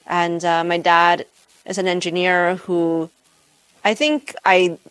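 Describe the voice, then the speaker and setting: A Malaysian physics professor answers interview questions thoughtfully, frequently restarting her sentences and using many fillers. Her voice is on the low side, with no room sound.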